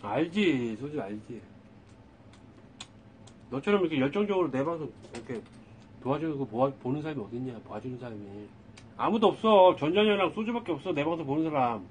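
A man's voice: mid-range voice, lively intonation, fairly quick, pauses often, darkish tone, slight background noise. Exasperated young man scolding his stream chat. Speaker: live streamer. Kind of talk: casual live-stream talk to chat.

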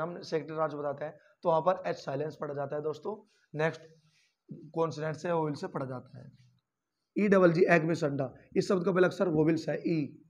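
Man teaching in a slightly high voice. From India. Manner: spells words letter by letter, addresses viewers as friends. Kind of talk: classroom-style lesson.

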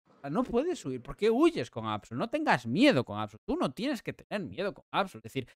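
Brief: Spanish-accented male gaming streamer, fairly high voice, dry close sound, excitable play-by-play. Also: a little fast, no room sound. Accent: Spain Spanish. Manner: excitable, repeats himself, bursts into shouts. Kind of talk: live gameplay commentary.

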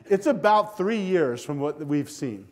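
Older male keynote speaker, slightly high voice, energetic coaching delivery, lapel mic in a ballroom. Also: unhurried. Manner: energetic, animated, walks the stage with a handheld clicker; direct, coaching tone to students. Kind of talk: conference keynote speech. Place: hotel ballroom with a seated audience.

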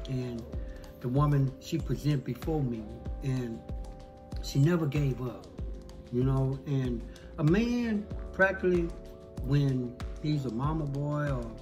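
A middle-aged man chatting casually and giving heartfelt advice in an emphatic, repetitive, preachy way into a desk microphone. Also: mid-range voice. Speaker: mukbang host. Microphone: desk microphone close in front.

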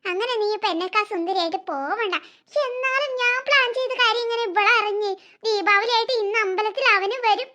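A jealous teenage girl from a cartoon story, voiced by a woman, muttering her plots in a sly, mocking way. The voice sits very high and bright, with a sharp edge. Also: fairly quick. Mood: scheming. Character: scheming jealous teenage girl plotting revenge.

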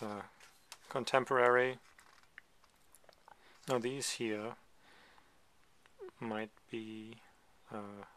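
A man casually presenting a photo book he is paging through at a table, talking in a relaxed, hesitant way with many ums and side remarks. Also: lowish voice, background noise. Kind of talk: casual show-and-tell commentary. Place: indoors at a table, filming a book from above.

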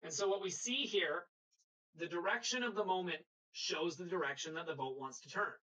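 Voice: medium pitch, normal speed, bright, forceful tone, low-quality recording. A sailing instructor giving a live webinar lecture over a video call, explaining patiently and checking in with the class.

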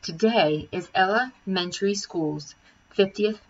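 A woman reading aloud and voicing a formal school principal making measured announcements. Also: mid-range voice, lo-fi sound, a little hiss or hum. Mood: announcing.

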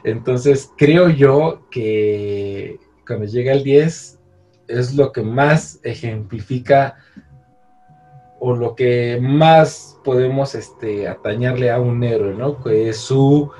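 A young man with a Mexican accent in casual chat, reviewing a series, slangy and quick to laugh. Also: medium pitch, mellow. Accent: Mexican Spanish. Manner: slangy, laughs often, restarts.

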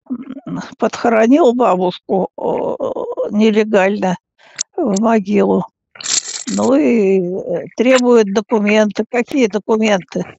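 A frail great-grandmother in her eighties chats casually over the phone. Her voice is heavily creaky and she speaks haltingly, stumbling and repeating words. The sound is dry and dull, like a recorded call. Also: mid-range voice, dark tone, dry recording. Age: 80s. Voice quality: frail, elderly voice. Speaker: great-grandmother talking with younger relative.

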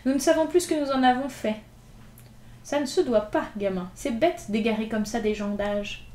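A woman's voice: on the high side, normal speed, a little mellow, close to an everyday voice. A woman voicing a cheeky, ragged street boy from old Paris, mock-grand and teasing. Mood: cocky. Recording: echoey room.

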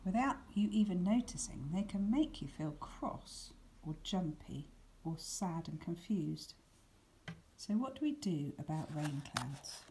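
A teacher reads a picture book aloud to young children in a fairly low, mellow voice, unhurried and full of animated intonation. Her scripted narration is deliberate and expressive, with dramatic emphasis and hushed words, over faint background noise.

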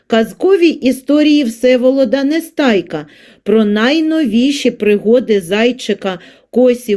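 Mellow woman reading a textbook. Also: on the high side. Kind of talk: scripted textbook narration.

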